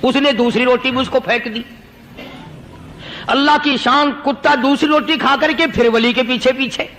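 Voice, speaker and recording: A man's voice: very high voice, a bit bright, poor audio. A man preaching a storytelling sermon, impassioned and repetitive, rising into dramatic emphasis.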